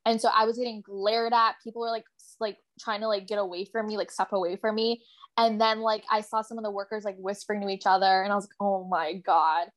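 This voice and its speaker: A woman's voice: mid-range voice, little pitch movement, fast. A young woman co-hosting a podcast, telling a story in casual chat with lots of filler words. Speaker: podcast co-host.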